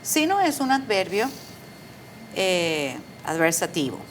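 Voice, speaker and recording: Interviewed as a guest, a middle-aged woman who teaches Spanish and works as a proofreader walks patiently through spelling rules using examples. She speaks slowly in a lowish voice with big pitch swings, over faint background noise.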